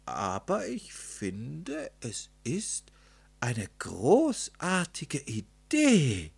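A man voicing a small, friendly young pig in a ghost costume, excited and eager. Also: very slow, vocal fry, slightly rough, heavily acted. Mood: delighted. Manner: excited, eager, high-pitched calls.

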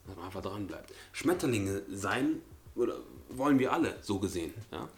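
A man's voice: lowish voice, big pitch swings, normal speed. A man in a casual motivational podcast chat, speaking emphatically and repeating his key phrases. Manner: emphatic, repeats phrases, often murmurs agreement. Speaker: podcast co-host.

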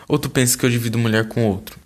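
A man's voice: medium pitch, steady tone, rapid-fire, close to an everyday voice. A man with a Brazilian accent reading aloud a jealous, volatile young man's heated lines. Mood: furious. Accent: Brazilian Portuguese.

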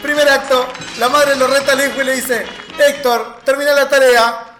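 A man's voice: very high voice, little pitch movement, normal speed, roomy sound. A man playing a corny male stand-up comic who begs the crowd not to throw things. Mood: jokey. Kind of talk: comedy sketch.

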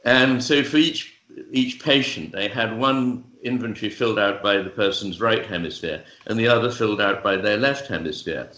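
A man speaking as a guest author, explaining ideas in measured talk with frequent pauses, fillers and restarts. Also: fairly low pitch, a bit bright. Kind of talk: thoughtful explanatory interview talk. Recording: roomy, dull lo-fi sound.

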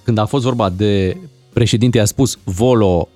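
A man hosting a casual studio chat, introducing clips with lively commentary. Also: on the low side, soft background music. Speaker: host.

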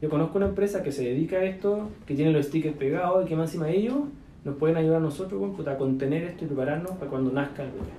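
A man's voice: a little high, rapid-fire, mellow, slight background noise. A man with a Chilean accent, mentoring entrepreneurs in a casual chat full of slang, fillers and coaching asides. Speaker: business mentor. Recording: echoey room.

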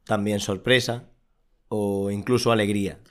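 A man from Spain co-hosting a language lesson, giving examples in a relaxed, dryly joking way. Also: fairly low pitch, measured pace. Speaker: co-host.

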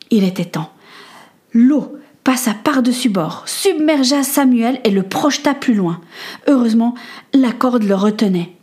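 A woman narrating a storybook adventure in a clear, expressive reading. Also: a little high.

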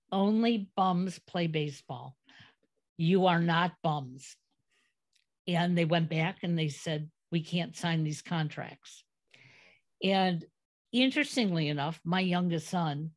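A middle-aged woman hosts a podcast interview, speaking in a fairly low voice. She reminisces at length and tells family stories in a conversational way. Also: takes it slowly. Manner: reminiscing, telling family anecdotes. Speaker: podcast host.

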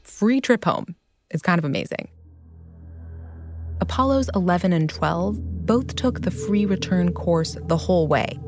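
A woman's voice: fairly low pitch, animated, measured pace. Woman narrating a documentary, conversational and explanatory. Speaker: narrator and host. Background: background music.

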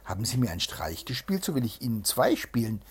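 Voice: medium pitch, very animated, fast talker, a little hiss or hum, close to an everyday voice. A reader voicing an earnest gullible man. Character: simple-minded man, earnest and easily fooled.

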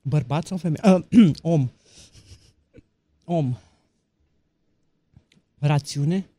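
A talkative woman guest on a talk show, stressing her points by saying things over and over. Her voice is dark and mellow. It sounds dry and close, with no room echo. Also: low voice, breathy edge. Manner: talkative and emphatic, with long, repeating sentences. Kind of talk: casual talk-show chat.

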